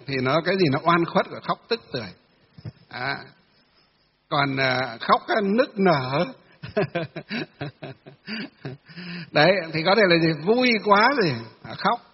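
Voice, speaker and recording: In a dull, distant recording from a reverberant hall, a Buddhist monk chats through a dharma talk for his temple audience, posing questions he then answers himself, with lots of filler sounds. His voice is a little high, animated and breathy-edged, at a moderate pace.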